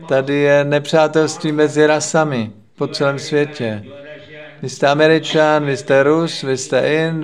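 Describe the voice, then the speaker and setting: A man with a somewhat high voice delivers a religious lecture. He preaches in a measured way and lays out his points by repeating short phrases in lists. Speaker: spiritual lecturer.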